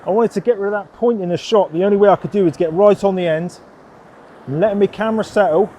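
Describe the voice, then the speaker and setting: A man's voice: high voice, quick pace, mellow, faint music behind. A man chatting casually as a landscape photographer, rambling in a down-to-earth way while outdoors on a coastal headland. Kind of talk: casual vlog chat.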